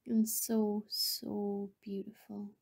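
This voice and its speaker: With a mid-range voice and entirely flat delivery, a woman leads a meditation. Her tone is soft, breathy, and often near-whispered, gentle and soothing, with lingering gaps between phrases.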